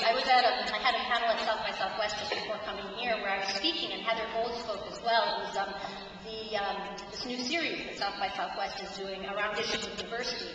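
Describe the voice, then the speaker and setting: A woman's voice: on the high side, noisy background. A woman speaking on a conference panel, answering thoughtfully with many restarts and fillers. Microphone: camcorder from the audience. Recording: echoey hall, far off, lo-fi camcorder.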